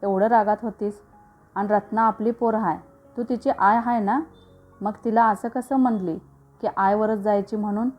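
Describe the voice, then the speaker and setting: A doting, indulgent village landowner father speaks in a rural storybook, his talk soft and homely, as a woman narrator puts him on. Soft music sits low underneath. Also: fairly even intonation, moderate pace, muffled recording, natural voice. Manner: rural Marathi dialect speech.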